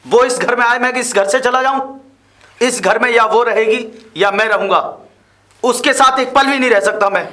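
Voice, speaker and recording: Defiant, arrogant young son, played by a man, very high and bright. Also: normal speed. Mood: complaining. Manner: complaining, defiant. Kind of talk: amateur web drama acting.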